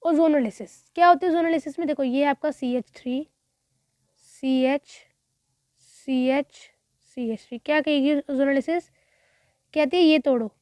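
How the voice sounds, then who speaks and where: A woman with a high voice gives a chemistry revision lecture for exams. She keeps asking and answering her own questions and repeating the key terms, with English phrases mixed in. The recording is dry and close, with no room sound. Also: measured pace, long pauses, darkish tone, dry recording. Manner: mixes Hindi with English phrases. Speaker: chemistry teacher.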